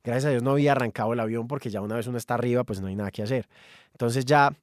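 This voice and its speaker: A man, a songwriter telling a personal story in an animated monologue. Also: mid-range voice, rapid-fire, no room sound, clean studio sound.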